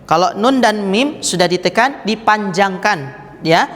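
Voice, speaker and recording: A man's voice: high-pitched, lively intonation, a little slow, fairly bright tone. A man teaching Quran recitation, patiently demonstrating and repeating each sound for his students. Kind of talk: slow step-by-step recitation lesson. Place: mosque. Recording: echoey room with long reverb.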